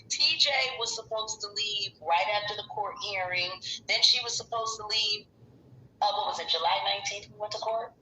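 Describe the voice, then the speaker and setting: Woman, chat guest. Bright forceful voice, blunt, emphatic delivery, roomy echoing sound. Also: mid-range voice, slight background noise. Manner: blunt, emphatic, point-by-point arguing. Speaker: interviewed guest. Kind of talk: casual chat.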